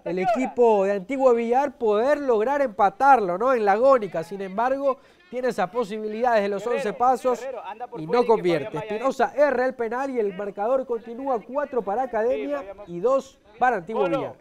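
A man's voice: very high-pitched, normal speed, a little mellow. A man with an Ecuadorian accent giving live football commentary as a match commentator.

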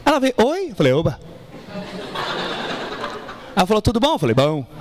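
On a small café stage with a live crowd and noisy background, a man with a high voice does stand-up at a moderate pace. He's animated and profane, playing both parts of the dialogue in his story.

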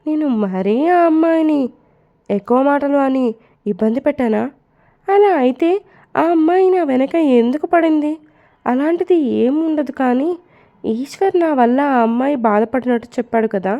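A woman's voice: high-pitched, lively intonation, moderate pace, lo-fi sound. A woman voicing Nikhil, a hot-tempered young man who runs a hotel and talks in a brooding, commanding way, in a storybook reading.

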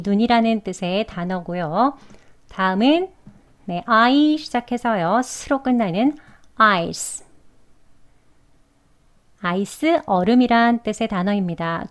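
A woman's voice: medium pitch, a bit bright. A woman teaching English pronunciation in Korean, explaining mouth shapes patiently and saying each example word twice. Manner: patient, demonstrates sounds slowly and repeats each word twice. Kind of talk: slow instructional explanation with repeated example words.

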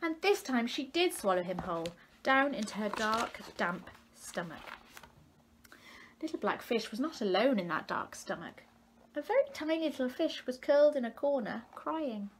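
Expressive woman reading a storybook aloud. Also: a little high, moderate pace, slight background noise. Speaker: educational consultant reading a picture book.

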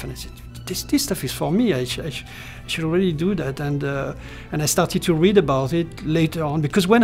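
A middle-aged man from France with a French accent, talking hesitantly in a seated interview, with many fillers and restarts. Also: a little high. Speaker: character designer. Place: indoor studio room.

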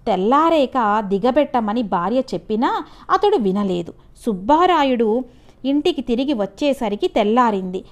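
Andhra Telugu woman, fairly high voice, story-reading lecturer. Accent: Telugu regional (Andhra).

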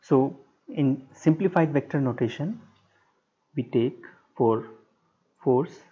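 Speaking in short, halting, measured phrases, a man gives a structural engineering lecture over a whiteboard screen recording. His voice is medium-pitched, warm and husky, and the audio is dull and lo-fi.

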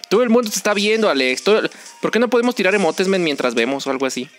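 Young Mexican male streamer, teasing and excitable, high pitched, clear game music underneath. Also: rapid-fire. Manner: joking, excitable, teasing teammates. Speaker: gaming streamer. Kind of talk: casual gameplay commentary.

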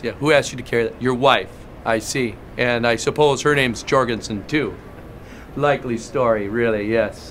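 A man's voice: medium pitch, fairly bright tone, slight background noise, lightly acted. A male comedian playing a pushy, leering airport security guard, talking in a sarcastic, interrogating, mock-official manner. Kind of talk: comedic character monologue.

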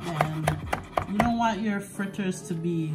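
Filming a home cooking video in her kitchen, a woman hosts with chatty, upbeat, teasing banter over background music. Her voice is lowish and a little slow, and the recording is very noisy.

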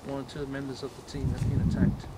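Halting male ghost tour guide, noisy recording. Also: mid-range voice, monotone. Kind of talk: informal explanatory talk to a tour group. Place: on a night walking tour, in the dark. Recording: noisy outdoor night recording.

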